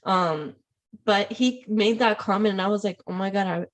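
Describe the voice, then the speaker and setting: A woman's voice: mid-range voice, moderate pace. A woman from Puerto Rico hosting a podcast, chatting casually and switching between Spanish and English as she goes. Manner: chatty, mixes Spanish and English, laughs often. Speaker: podcast host. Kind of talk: casual conversation.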